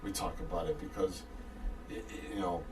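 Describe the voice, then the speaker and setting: A man's voice: deep voice, steady tone, normal speed, a little mellow, distant mic, faint music behind. A man, a war reenactor guest, patiently explaining history and giving hints in a casual chat. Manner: patient, gives hints, chuckles often.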